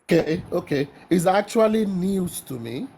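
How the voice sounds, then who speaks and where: A man's voice: high voice, animated, normal speed, vocal fry, warm tone, husky. A man chatting as a guest on a live stream who stumbles and repeats himself. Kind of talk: casual live chat.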